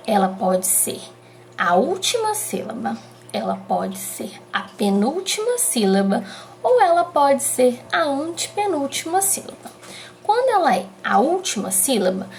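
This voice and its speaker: Lively high-voiced Brazilian teacher. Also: female voice, a little hiss or hum. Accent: Brazilian Portuguese. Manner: slow, emphatic explaining, stretching out key syllables. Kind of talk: remote classroom lesson.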